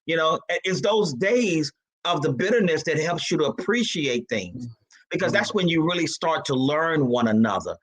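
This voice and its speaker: A man's voice: on the high side, lively intonation, moderate pace. A man moderating a church panel, playful and teasing as he talks. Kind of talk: casual church panel talk. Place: church event room.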